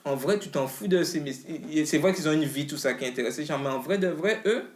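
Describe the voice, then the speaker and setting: A man's voice: fairly high pitch, quick pace, darkish tone. A man, a rapper talking as an interview guest in a loose, slangy way full of restarts. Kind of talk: casual interview chat. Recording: roomy echo.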